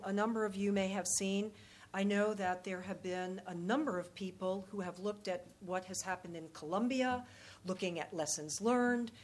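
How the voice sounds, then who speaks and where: Woman answering questions, halting and diplomatic. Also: medium pitch. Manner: halting, measured, diplomatic, frequent pauses and repeated words. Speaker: panel speaker, policy expert or diplomat. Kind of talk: unscripted answers at a public question-and-answer session.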